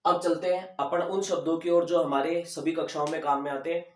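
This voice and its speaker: Male teacher, slightly high voice, patient lesson, echoey room, distant mic. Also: little pitch movement. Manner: patient, repeats sounds slowly syllable by syllable. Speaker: Hindi teacher. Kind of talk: classroom-style lesson explanation.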